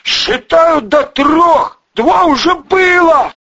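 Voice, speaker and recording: A man voicing a hot-headed young male gangster who yells curses and threats at a hostage-taker. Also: very high-pitched, animated, slow, pitched above the performer's own voice, exaggerated voice. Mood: yelling threats. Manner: yelling, cursing threats. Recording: dull lo-fi audiobook recording.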